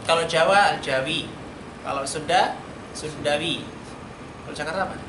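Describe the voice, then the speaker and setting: A man teaches Arabic in a mosque study room, quizzing students call-and-response style at a moderate pace in a voice on the high side. The space is a roomy hall with background noise.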